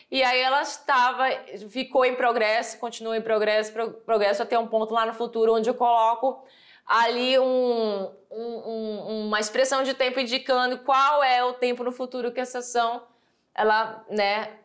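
A woman with a Brazilian accent teaching an English grammar lesson. She explains patiently, repeats key phrases and slows down to read out the English examples. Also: on the high side, a bit bright. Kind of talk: recorded class lesson.

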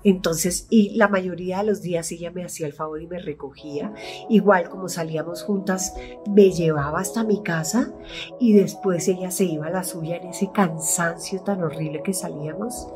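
Colombian lady actress rambling through old set stories, acts out her past self, soft music behind. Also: fairly low pitch, moderate pace. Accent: Colombian (Bogotá). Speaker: actress and YouTube host. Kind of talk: casual storytelling vlog.

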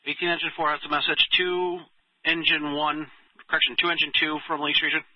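Over a dispatch radio transmission, a male fire dispatcher gives clipped, formal, procedural announcements and reads units back. His voice is a little high and fairly quick, with little pitch movement, and the recording is muffled with no room sound.

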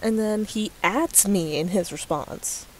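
This woman's unhurried, mid-range voice comes through over background noise as she vlogs a response to a commenter. She's sarcastic and profane throughout, and keeps cracking up laughing in the casual rant.

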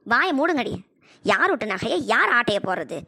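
A woman voicing a sharp-tongued, shrewd old mother-in-law in a cartoon comedy, scolding her daughters-in-law. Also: fairly high pitch, very animated, moderate pace, no echo, studio quality, exaggerated voice. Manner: scolding, indignant. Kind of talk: cartoon voice acting.

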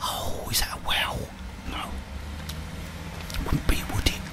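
Whispering softly and breathily near the microphone, the middle-aged British streamer plays a video game in ASMR fashion. He mutters his thoughts aloud to himself at a slow pace.

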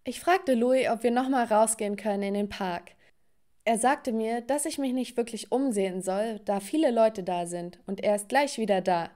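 A young woman narrating a dramatic first-person story for an animated video. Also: a little high, normal speed.

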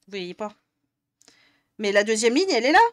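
A young woman from northern France live-streams while coloring, chatting with her viewers, exasperated and swearing a lot. Her voice is on the high side and very animated, at a moderate pace, in clean studio sound with no room reverb.

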